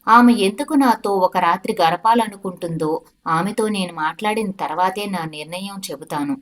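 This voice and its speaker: A woman voicing a hardened male death-row prisoner who speaks in loud, forceful declarations in a storytelling. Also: medium pitch, normal speed, lightly acted. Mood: defiant.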